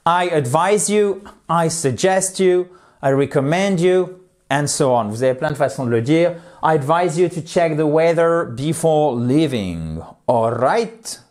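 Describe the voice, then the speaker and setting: A man with a slightly high voice leads a video lesson. He talks in a chatty, self-mocking way and slows down carefully whenever he models an English word. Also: animated, darkish tone. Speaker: English teacher.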